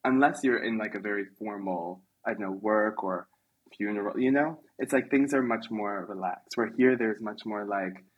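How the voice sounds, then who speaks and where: A man from the United States, a guest on a podcast, talking in a relaxed, halting way with small laughs. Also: lowish voice, breathy edge, phone-quality sound. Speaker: interview guest. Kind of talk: casual interview chat.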